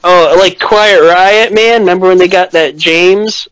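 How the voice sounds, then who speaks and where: A man's voice: high-pitched, a little slow, fairly bright tone, clear, resonant tone, no room sound, rough recording. A man guesting on a podcast, chatting casually about rock bands and rambling with lots of "like" and restarts.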